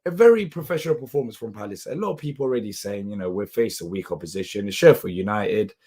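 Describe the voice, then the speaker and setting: A man hosting a live football reaction show, his voice hoarse and half lost, sounding tired. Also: lowish voice, lively intonation, quick pace, warm tone. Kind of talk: live match reaction commentary.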